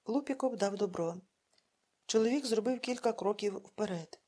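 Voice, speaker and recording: A woman reading an audiobook novel aloud in steady, grave narration. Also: medium pitch, moderate pace, slightly rough. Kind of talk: scripted narration.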